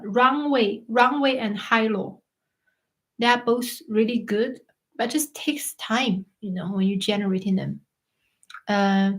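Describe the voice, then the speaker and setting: Slow-talking woman chatting on a livestream. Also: on the high side, poor audio. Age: 30s. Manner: chatty, answering viewers' questions; halting, searching for words. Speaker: livestream host. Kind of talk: casual live-stream chat.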